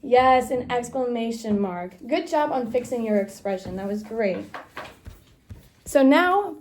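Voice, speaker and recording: A woman's voice: on the high side, darkish tone. A young woman student teacher leading a classroom micro-teaching lesson, upbeat and encouraging, with frequent laughs.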